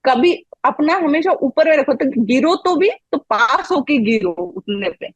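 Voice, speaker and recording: A woman's voice: high-pitched, expressive, a little slow, no room sound, poor audio. A woman guest in an interview, a medical graduate giving casual, encouraging study advice in a flowing, chatty way.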